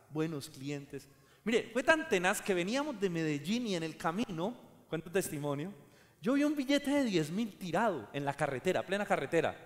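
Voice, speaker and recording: A man with a Colombian accent preaching a sermon as a pastor, emphatic and rising to shouts, recorded in a large church hall. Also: a little high. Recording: long hall reverb.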